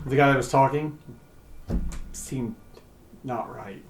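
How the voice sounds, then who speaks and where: A man's voice: mid-range voice, slight background noise. A man narrating a tabletop game as game master, hesitant and full of fillers. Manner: unhurried, hesitant, lots of fillers. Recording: echoey room.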